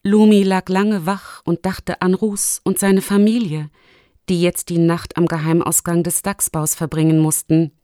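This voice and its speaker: A woman narrating a children's story in a calm, measured storytelling manner. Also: lowish voice, dry recording, studio quality. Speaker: audiobook narrator.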